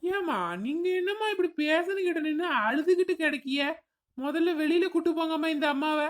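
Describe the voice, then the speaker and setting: Woman voicing a curt impatient cartoon doctor guy, highish voice. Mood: brusque. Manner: brusque, hurried instructions. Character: impatient male doctor, middle-aged, brusque. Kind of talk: cartoon comedy voice acting.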